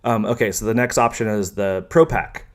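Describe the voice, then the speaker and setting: A young man with a fairly low voice talks casually to his viewers, filling pauses with ums and restarting sentences. His tone stays chatty and loose, with a dry, sarcastic edge here and there. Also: steady tone. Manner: rambling, many ums and self-corrections. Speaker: car vlogger. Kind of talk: casual talking-head vlog.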